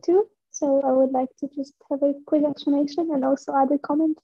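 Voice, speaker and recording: A woman's voice: sits high, steady tone, brisk. A woman asking hesitant questions in an online class, her voice choppy and dropping out over a poor connection. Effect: choppy connection, voice breaking up and dropping out. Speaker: class participant on a video call. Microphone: computer or phone on a video call. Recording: dull, lo-fi, breaking-up call audio with faint music.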